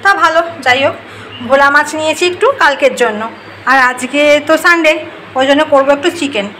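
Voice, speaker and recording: A woman's voice: sits high, brisk, pushed and bright, a little hiss or hum. A woman vlogger, chatting casually to the camera about her morning at home. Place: rooftop and home, outdoors and kitchen.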